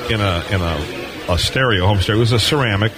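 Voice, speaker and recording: Here a middle-aged or older man with a fairly low voice talks fairly quickly while hosting a casual live radio interview full of chat and reminiscing. Crowd noise from the convention floor fills the background of this live broadcast from his booth.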